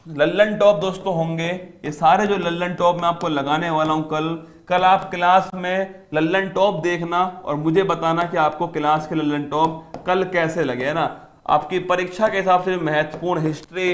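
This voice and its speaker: A male exam-prep teacher closing an online class, coaxing and motivating his students like friends. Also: on the high side.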